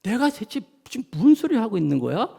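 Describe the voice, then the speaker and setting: A man's voice: high voice, very animated, fast, creaky, dark tone, breathy edge, voice pushed up, full character voice. A man voicing the apostle Peter, a grown man anguished over his failure and confessing it aloud. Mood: dismayed. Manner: anguished self-questioning confession.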